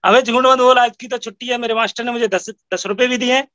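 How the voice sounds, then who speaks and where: A man's voice: very high-pitched, fairly even intonation, fast talker, sharp tone, clean tone, no room sound, dull audio. A man voicing a naive schoolboy who protests his innocence earnestly. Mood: cheeky. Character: naive schoolboy, cheeky, easily tearful.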